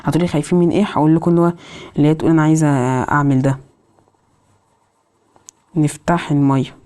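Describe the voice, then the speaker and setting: A woman with an Egyptian accent giving excitable let's play commentary, scolding the game characters. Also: deep voice, rapid-fire. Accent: Egyptian Arabic. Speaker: gamer.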